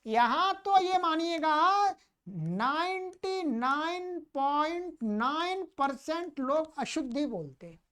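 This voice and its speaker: एक महिला शिक्षिका जो मंत्र धीरे-धीरे उच्चारण करके सिखाती है और बीच में जल्दी-जल्दी समझाती है।. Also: female voice, high voice, sing-song. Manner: chants slowly and loudly, then explains quickly. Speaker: teacher of Vedic mantra pronunciation. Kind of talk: recitation lesson.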